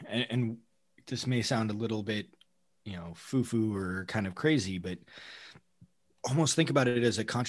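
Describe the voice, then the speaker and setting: A man in conversational podcast talk as co-host, thinking aloud in a halting way. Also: on the low side, fairly bright tone.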